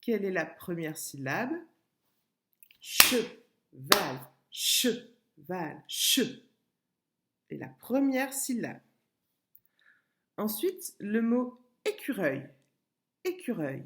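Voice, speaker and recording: A woman schoolteacher giving a recorded lesson to young pupils, patient and clear, repeating words and sounding out syllables. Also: mid-range voice, big pitch swings, slow pace, long pauses, darkish tone. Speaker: primary school teacher. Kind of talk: remote classroom lesson video.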